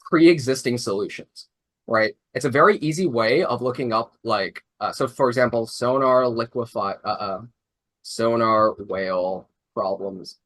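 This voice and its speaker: A young man who mentors robotics teams explains things casually on a video call. His mid-range, fairly bright voice runs a little slow, and he rambles with lots of "like" and "uh," restarting and correcting himself.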